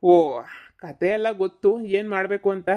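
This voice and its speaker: A man's voice: sits high, measured pace, phone-quality sound. A man voicing a laid-back, teasing male ghost in a cartoon, who calls his friend darling.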